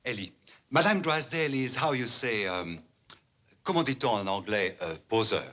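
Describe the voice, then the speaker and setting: A courtly French-accented couturier played by a male actor, all unctuous flattery in lively, varied phrasing. The sitcom soundtrack is old, with clear noise behind him. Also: mid-range voice, normal speed, close to an everyday voice. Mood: sly, conspiratorial. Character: suave, flattering French fashion designer. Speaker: couturier, salon owner. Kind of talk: 1960s television sitcom acting. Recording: noisy old television soundtrack.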